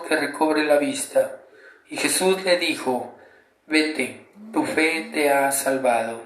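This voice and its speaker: A man's voice: a little high, pushed and bright. A man preaching a sermon, reading a Bible passage and pleading with fervent, emphatic rises. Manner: fervent, rising to emphatic pleas. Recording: echoey room.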